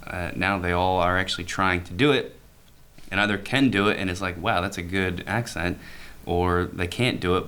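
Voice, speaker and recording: A man's voice: deep voice, fairly bright tone, clean tone. A man co-hosting an education podcast in casual chat, rambling and restarting as he explains ideas. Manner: rambling, self-correcting, laughs easily. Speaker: podcast co-host, teacher.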